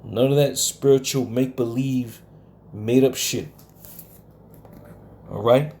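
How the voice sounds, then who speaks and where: This home Bible study lecture comes from a teacher with a medium-pitched, slightly mellow voice who holds a steady tone and takes his time. He scolds and argues combatively, uses some coarse language, and repeatedly checks in with "okay?"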